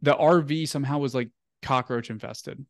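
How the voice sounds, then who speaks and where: A young man appears as an interview guest, telling a story in a casual, rambling way packed with "like" and "um." His voice is medium-pitched with vocal fry and a moderate pace, recorded in studio quality with no room sound.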